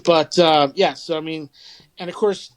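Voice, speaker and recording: A man's voice: on the high side, steady tone, unhurried, poor audio. A man, co-hosting a podcast in casual, rambling chat full of fillers and restarts. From St. Louis area, Midwest US. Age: 40s. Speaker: podcast co-host.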